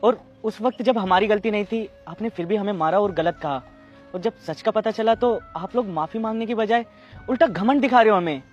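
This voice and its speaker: A man's voice: sits high, fairly quick, highs cut off, faint music behind, close to an everyday voice. A man playing a poor young vendor and protective older brother who speaks earnestly and respectfully. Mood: firm. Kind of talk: amateur web drama acting.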